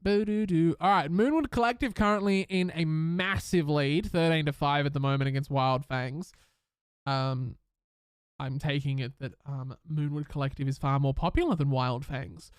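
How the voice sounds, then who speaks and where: A man's voice: fairly high pitch, normal speed, clean tone, no echo, clean studio sound. A man giving casual live-stream commentary while playing a game, chatty and upbeat, talking to his chat and to the characters.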